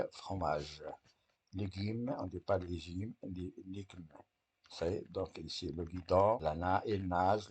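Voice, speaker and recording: A man's voice: low-pitched, darkish tone, slightly rough. A man teaching French to young pupils, patiently correcting a test step by step and answering his own questions; French is not his first language. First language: Arabic.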